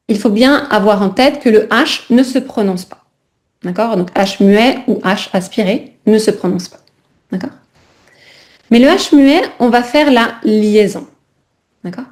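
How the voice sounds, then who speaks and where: A woman teaching a French class over a video call, pausing often to check that students follow. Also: medium pitch, a little mellow. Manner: keeps checking in with "d'accord?".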